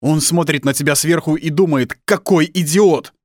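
A man's voice: fairly low pitch, normal speed, no room sound, clean studio sound, close to an everyday voice. A man voicing a broken, fanatical husband and harsh father in an audiobook, sometimes dazed, sometimes furious. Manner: dazed and mumbling, then stern and shouting in memory.

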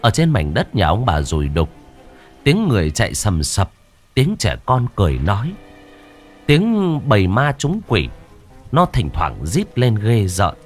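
A man narrating a ghost story, dramatic and slowing down on the eerie moments. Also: lowish voice, wildly swooping pitch, soft background music.

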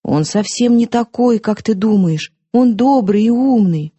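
A woman reading an audiobook, voicing a gentle, frightened young woman pleading through tears. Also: fairly high pitch, lively intonation, measured pace, husky, dry recording, voice pushed up. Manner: pleading, soft, tearful.

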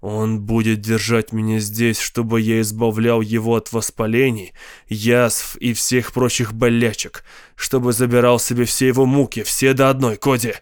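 A man voicing a gloomy, withdrawn teenage older brother who speaks in a flat, sullen way. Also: medium pitch, moderate pace, clean tone, no room sound, clean studio sound, lightly acted. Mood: bitter.

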